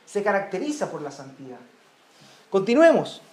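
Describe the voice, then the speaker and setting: A man's voice: sits high, big pitch swings, normal speed, darkish tone, roomy sound. A man preaching a sermon in a Chilean Spanish accent, emphatic, repeating key words and checking in with the congregation. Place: church.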